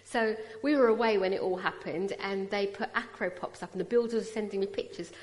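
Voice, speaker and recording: Speaking at a fairly quick clip with a medium-pitched voice, this woman in her forties from Punjab, India, has a British English accent. She's a guest speaker at church sharing a chatty personal testimony and coaxing the audience to respond. It's recorded indoors in a church hall, where the big space leaves a long reverb.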